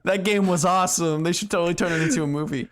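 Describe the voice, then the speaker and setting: Hosting a casual gaming podcast, a man chats about video games in a loose, jokey way. His voice sits high and he talks quickly.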